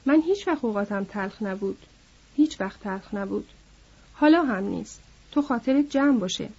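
A woman doing a weary, gentle protective man. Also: mid-range voice, animated, slightly rough. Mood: tender. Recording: dull lo-fi recording.

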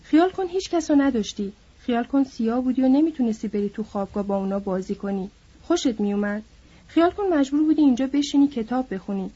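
A woman's voice: fairly high pitch, dark tone, husky, highs cut off. A woman voicing a bitter, lonely older male stable hand who needles and then broods, in an audiobook.

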